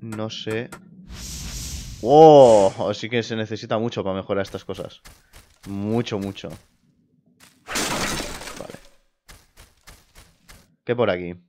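A young man giving casual let's play commentary, excitable and quick to swear. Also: on the low side, background noise. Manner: excitable, swears, laughs at scares. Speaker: gamer.

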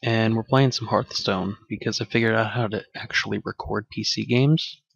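Man, low voice, rambling gameplay commentary, offhand with swearing, dull dry home mic. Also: steady tone, moderate pace, gravelly, dry recording. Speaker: gaming channel host. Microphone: desk microphone with game audio bleeding in.

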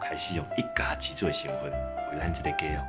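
A man's voice: very deep voice, steady tone, quick pace, over loud music. An actor playing an earnest, awkward young father who coaxes and lectures his baby in a mock-stern way. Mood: bantering. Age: young adult. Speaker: new father. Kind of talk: TV drama acting.

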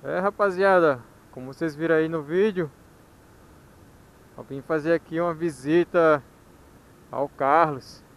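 A man in his thirties hosts a motovlog in casual, chatty style. His voice sits a little high for a man, and he has a Northeastern Brazilian accent. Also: unhurried, long pauses. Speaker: motovlog host. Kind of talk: casual vlog chat.

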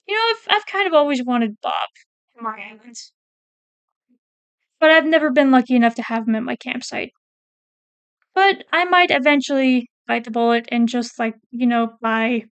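A woman with a high, gravelly voice chats casually as a PNGtuber, ranking game characters while reading from a wiki. She's chatty and hesitant, correcting herself and reading quotes aloud. There's no room sound.

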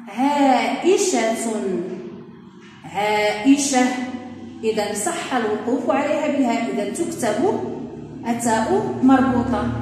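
Moroccan woman teaching spelling slowly. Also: on the high side, a little mellow. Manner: slow, drawn-out words for children. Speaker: primary school teacher. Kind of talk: spelling lesson for children. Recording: echoey room from far off.

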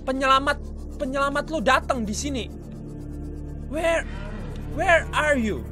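A man doing excitable, trash-talking let's play commentary, mixing in English swears. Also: very high-pitched, measured pace, music in the background. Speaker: gaming YouTuber.

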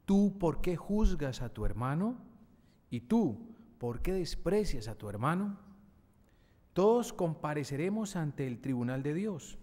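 A man's voice: fairly high pitch, warm tone. A middle-aged man reading scripture solemnly as a lector at Mass. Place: indoor chapel. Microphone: gooseneck lectern microphone. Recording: echoey church hall reverb.

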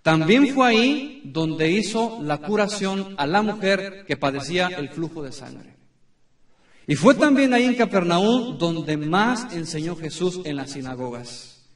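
A man's voice: sits high, sing-song. Emphatic preaching man, echoey church. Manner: emphatic preaching with dramatic pauses and repetition. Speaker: pastor. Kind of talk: sermon. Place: church sanctuary. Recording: echoey room from a distance.

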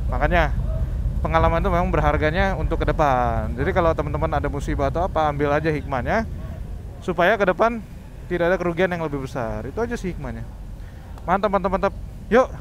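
Brief: male motovlogger, 30s, high-pitched chatty narration, filler-heavy, action cam outdoors with loud engine and wind noise. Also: expressive, fast talker. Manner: chatty, explains tips with filler "eh". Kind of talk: casual travel vlog commentary. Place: outdoors at port and on ferry deck. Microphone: helmet or selfie action camera.

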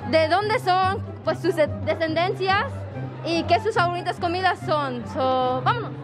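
A teenage girl interviewing fellow students, chatty and quick to laugh. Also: very high voice. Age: teens. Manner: chatty, laughing, halting mid-question. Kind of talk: casual street interviews. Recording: music and crowd behind.

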